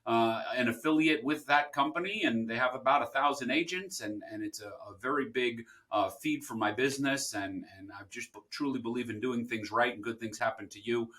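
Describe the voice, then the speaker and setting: Bright-voiced man telling his story. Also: mid-range voice, brisk, hardly any pauses. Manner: animated storyteller who acts out quoted people. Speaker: podcast guest, title company founder. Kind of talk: storytelling interview answers.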